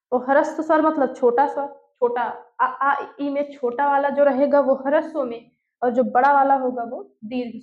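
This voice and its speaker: A woman teacher giving an online class, slowly putting questions and answering them herself, and dictating notes word by word. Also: high-pitched. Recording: echoey room, tinny phone-like sound.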